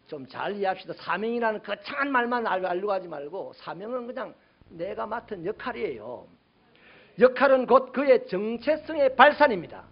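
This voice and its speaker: A male pastor preaching a sermon, animated and sometimes shouting out quoted rebukes to his congregation. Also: high voice, highs cut off.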